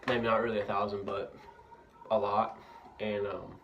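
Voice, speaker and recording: A young adult man from Louisiana, United States, reviews a product casually in a house bathroom with a lip full of dip. His voice is lowish, level and moderately paced, and the noisy amateur recording sounds lo-fi, with clicks.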